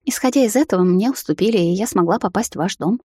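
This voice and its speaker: A woman's voice: medium pitch, quick pace, mellow, husky, no echo, natural voice. A woman voicing a timid young female vampire maid in an audiobook, pleading and breathless, close to tears. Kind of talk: audiobook character voice.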